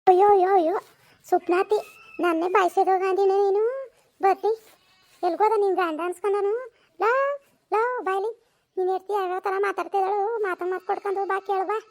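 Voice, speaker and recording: Woman doing a shrill, scolding village mother-in-law, old and quarrelsome, comedy skit. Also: level tone, quick pace, long pauses, a little mellow. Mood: furious. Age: older. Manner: scolding, then wailing in a high pitch. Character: nagging elderly mother-in-law, sharp-tongued and whiny.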